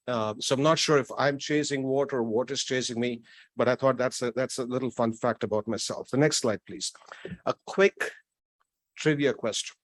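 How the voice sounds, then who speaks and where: In a conference hall, a speaker from Tanzania presents in a chatty way, often restarting and slipping in light jokes. He has a mid-range voice, and the recording carries no room sound.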